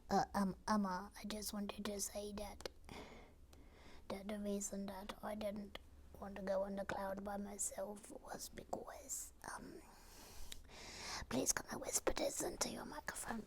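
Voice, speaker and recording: A woman voicing a shy little companion who speaks mostly in a soft, polite whisper. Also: mid-range voice, level tone, a little slow, background noise, close to an everyday voice. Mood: timid. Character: timid little creature sidekick.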